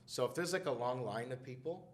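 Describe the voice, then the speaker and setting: Chatty animated man co-hosting. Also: mid-range voice, brisk, a little hiss or hum. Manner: chatty, animated storyteller who laughs often. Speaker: podcast co-host. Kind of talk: casual chat.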